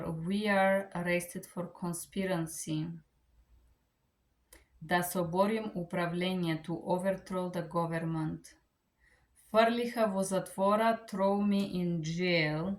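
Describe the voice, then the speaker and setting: Slow-speaking woman with a Macedonian accent. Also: on the low side. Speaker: language teacher. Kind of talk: bilingual vocabulary lesson, term by term.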